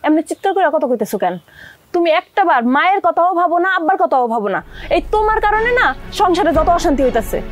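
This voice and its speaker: In a TV drama, a young woman plays the elder son's wife, an outspoken and reproachful sister-in-law. Her voice is extremely high, swinging widely in pitch at a quick pace, with music playing under the dialogue.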